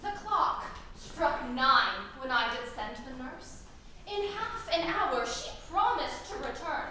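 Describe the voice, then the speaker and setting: A woman's voice: sits high, animated, takes it slowly, sharp tone, a little hiss or hum, exaggerated voice. A woman playing an impatient young girl in love, declaiming verse on stage. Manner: eager, pleading, declaiming verse. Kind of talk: stage Shakespeare acting. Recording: echoey hall from far off.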